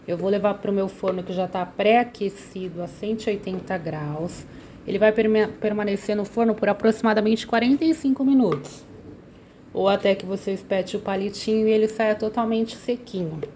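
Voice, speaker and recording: On her home cooking channel, a woman with a mid-range, mellow voice walks through a recipe step by step at a normal pace. She's friendly and loves using diminutives, and there's slight background noise.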